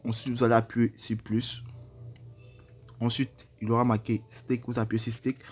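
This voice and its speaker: A man's voice: mid-range voice, darkish tone. A man casually walking through an app tutorial step by step, hesitant and repeating himself with frequent fillers. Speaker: crypto tutorial presenter.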